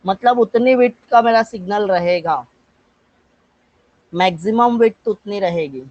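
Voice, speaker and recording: A high-pitched, slightly mellow Indian man with an Indian accent teaches physics online live, questioning and answering himself. He slows to dictate English definitions and calls on students by name. There is no room sound and the audio is dull.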